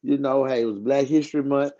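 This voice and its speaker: A man co-hosting a podcast, talking to the audience in an animated, emphatic way and egging on his co-hosts. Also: medium pitch, quick pace, lo-fi sound. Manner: animated, emphatic, hypes up the others. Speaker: podcast co-host. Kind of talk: casual podcast chat.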